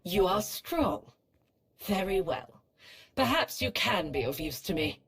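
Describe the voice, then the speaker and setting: A woman acts in a scripted video game role as a cold, ruthless Sith research hologram, delivering lines in a formal, detached, clinical way. Her medium-pitched voice is fairly bright, with wide pitch swings and a measured pace.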